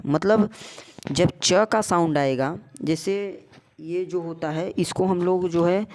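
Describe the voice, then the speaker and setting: A man gives an explanatory lesson as a tutor. He speaks slowly and deliberately in a clear, resonant voice. He keeps repeating words and putting either-or questions to his students. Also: sits high, a little mellow. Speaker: English tutor.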